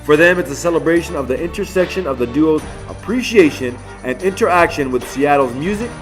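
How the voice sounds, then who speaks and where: A man's voice: fairly high pitch, animated, a little fast. A man giving scripted, upbeat news narration as host of a local music show, speaking over a voice-over.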